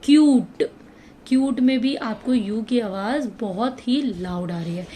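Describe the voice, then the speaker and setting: A woman's voice: fairly high pitch, measured pace, warm tone, a little hiss or hum. A woman explaining an English spelling lesson for children. She speaks patiently, repeating and stretching the example words.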